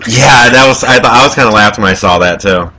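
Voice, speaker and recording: Relaxed man chatting about a movie. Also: on the low side, fast talker, noisy background. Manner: relaxed, conversational, adds plot details. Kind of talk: casual chat.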